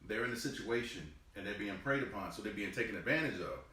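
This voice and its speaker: A man's voice: fairly low pitch, expressive, fast talker, bright, forceful tone, heavy reverb, distant mic. A man co-hosting a casual live-stream chat, laid-back and reading out viewer comments. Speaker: co-host.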